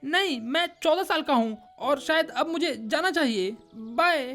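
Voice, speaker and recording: Woman playing a hurt, defensive young teen boy, high bright voice, cartoon lesson. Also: expressive, unhurried, faint music behind. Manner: defensive, wounded, insistent. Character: shy, bitter 14-year-old boy with a burned face.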